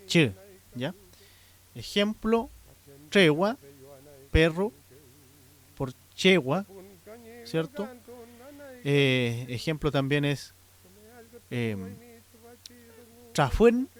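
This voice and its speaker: A man, his voice sitting a little high for a man, teaches on a radio program. He explains in an unhurried way and keeps pausing to check in with the listener. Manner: unhurried, checks in with frequent "¿ya?" and "¿cierto?". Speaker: radio host teaching the language.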